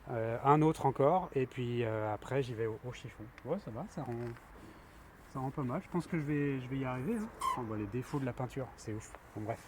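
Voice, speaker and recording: A man's voice: mid-range voice, brisk, noisy background. A man narrating a casual do-it-yourself vlog beside a van, chatting and thinking aloud with many fillers while he works. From France. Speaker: van builder.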